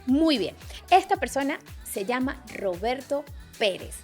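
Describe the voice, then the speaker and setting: A woman co-hosting a podcast, introducing the guest and adding playful, quick interjections. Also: high voice, big pitch swings, darkish tone, soft background music. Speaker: podcast co-host.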